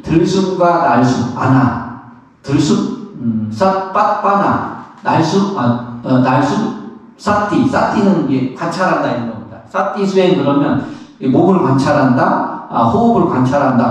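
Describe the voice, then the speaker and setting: A middle-aged man, a Buddhist monk, giving a lively spoken lesson on meditation, laughing often and acting out how he counts his breaths. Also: fairly high pitch. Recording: echoey room, somewhat far from the mic.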